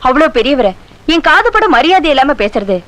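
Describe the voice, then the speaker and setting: A middle-aged woman playing a mother who scolds and pleads quickly in a film scene. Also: sits high, big pitch swings. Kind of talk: Tamil film dialogue. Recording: film soundtrack with loud music behind. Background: film score music.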